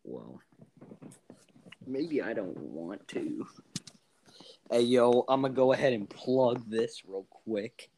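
A man's voice: medium pitch, animated, slow, creaky, long pauses, darkish tone, a little hiss or hum, low-quality recording. A man co-hosting a casual podcast, laid-back and joking as he chats. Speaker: podcast co-host.

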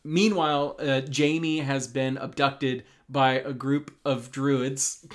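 A man's voice: mid-range voice, flat delivery, slow pace. A man co-hosting a podcast, recapping a film series in casual chat, rambling with many ums and restarts. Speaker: podcast co-host.

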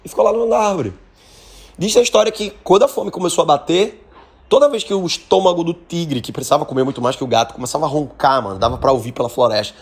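A man with a Brazilian Portuguese accent teaching how to tell stories in a loose, conversational way. He is animated and slangy and keeps tossing in little tag questions. His voice sits slightly high for a man. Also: quick pace, slightly rough. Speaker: speaking trainer. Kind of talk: casual storytelling lesson.

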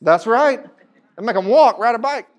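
A man preaching a sermon as pastor, telling stories in a lively, animated way with casual Southern phrasing. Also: extremely high pitch, moderate pace. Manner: animated storytelling, Southern speech. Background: congregation responses.

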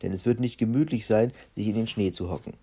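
Brief: man doing a small scolding wife in a storybook, gravelly low voice. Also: fast, warm tone. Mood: bossy. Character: tiny nagging woman, robber's wife.

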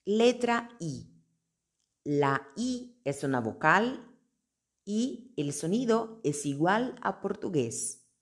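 A woman teaching Spanish pronunciation, naming letters and saying example words one at a time in a careful, deliberate way. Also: medium pitch, sing-song. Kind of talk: slow, deliberate pronunciation lesson.

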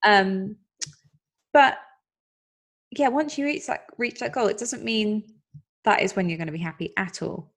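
Podcast host, woman in her thirties, earnest and chatty, mid-pitched voice. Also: animated, a little slow, long pauses. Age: 30s. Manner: chatty, earnest, laughs often. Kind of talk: casual chat.

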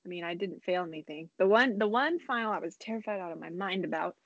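A young woman in her twenties co-hosts a casual podcast, animatedly telling stories and acting out things she once said. She talks fast in a lowish voice with no echo, though the internet call audio is dull and lo-fi.

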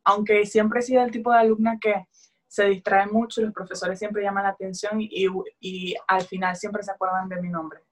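A woman in her twenties in casual chat, easygoing and a little hesitant, with fillers and pauses. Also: mid-range voice, little pitch movement.

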